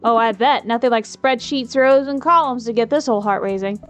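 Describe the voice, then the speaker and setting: A kindly, unhurried elderly grandfather speaks in a soft, mild voice, as a woman puts him on. His talk drifts along slowly, never sharp. Faint music plays underneath. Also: fairly high pitch, close to an everyday voice. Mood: gentle. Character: gentle, easygoing old grandfather.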